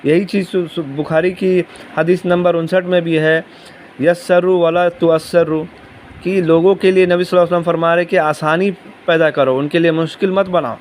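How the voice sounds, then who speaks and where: Teaching Quran commentary, a man speaks in a steady tone with a somewhat high voice, over a little hiss or hum. Patient in his explanations, he asks listeners questions and repeats the key words.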